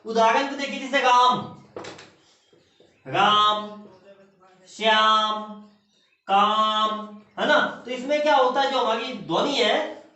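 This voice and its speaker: High-voiced man teaching in an echoey room. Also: takes it slowly, long pauses, pushed and bright. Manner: repeats key terms and asks the class rhetorical questions. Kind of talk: classroom lecture. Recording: echoey distant room, muffled.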